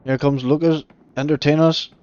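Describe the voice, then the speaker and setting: A man's voice: a little high, steady tone, moderate pace, slight background noise. A man giving casual, jokey live commentary on a game stream, swearing freely and laughing often. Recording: muffled stream audio with loud game gunfire. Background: gunfire, artillery and vehicles from the game.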